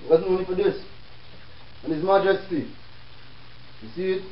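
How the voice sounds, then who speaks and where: Male, Jamaican accent, Rasta preacher-lecturer, fairly high voice, heard far from the mic. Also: normal speed. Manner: preaching, rhetorical, peppered with check-in questions. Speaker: self-help show host. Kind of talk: Rastafarian speech, informal lecture with readings. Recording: echoey room, distant mic, dull with hiss.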